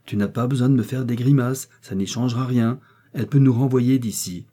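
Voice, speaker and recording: A man's voice: mid-range voice, a little fast, dark tone, voice pushed up, lightly acted. A man playing a shrewd, cunning old peasant who lectures bluntly. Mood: lecturing.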